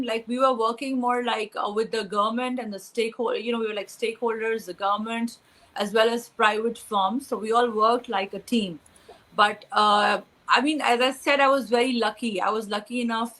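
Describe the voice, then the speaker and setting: A woman's voice: fairly high pitch, fairly even intonation, moderate pace, fairly bright tone, low-quality recording. A young woman from Pakistan answering interview questions, hesitant, with many fillers and restarts. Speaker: interview guest.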